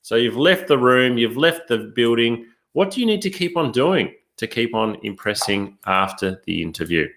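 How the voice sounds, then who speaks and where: A man's voice: medium pitch, big pitch swings, normal speed, few pauses, a bit bright, slight background noise. A middle-aged man, a career coach, presenting a live online workshop, upbeat and emphatic, putting rhetorical questions straight to his viewers.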